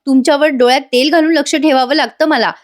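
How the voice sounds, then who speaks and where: A woman's voice: high voice, steady tone, fast, voice pushed up, close to an everyday voice. A woman voicing a young wife who chides her forgetful husband in a bashful, scolding manner. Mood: chiding.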